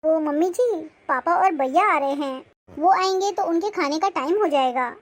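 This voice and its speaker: Cartoon young wife, sick and dutiful, soft polite tone, very high voice, from a woman. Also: moderate pace. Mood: weary. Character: sick young daughter-in-law, gentle and dutiful.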